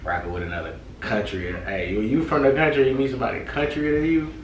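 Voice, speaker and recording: A man's voice: mid-range voice, steady tone, quick pace. A young man from near Houston, Texas, chatting as a podcast guest, easygoing and emphatic with frequent laughs. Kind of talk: casual chat. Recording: echoey room, mic at a distance, faint noise.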